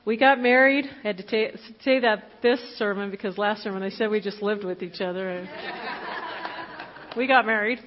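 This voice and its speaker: A woman of fifty giving a candid, conversational sermon about her own life, with fillers and quick self-corrections. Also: medium pitch, noisy background. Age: 50s. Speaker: preacher. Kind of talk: personal testimony sermon. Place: church hall. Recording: dull lo-fi recording with long hall reverb.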